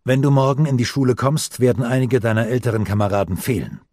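A man's voice: mid-range voice, fast talker, darkish tone, no echo, studio quality, close to an everyday voice. A man voicing a stern middle-aged uncle, firmly lecturing his nephew in a commanding tone.

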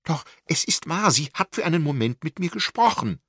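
Guy reading as a nervous young woman in an audiobook, pitched up a bit over his deep husky voice. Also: big pitch swings, moderate pace, a bit bright, no echo, studio quality, full character voice. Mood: agitated. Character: young woman, anxious and forced cheerful.

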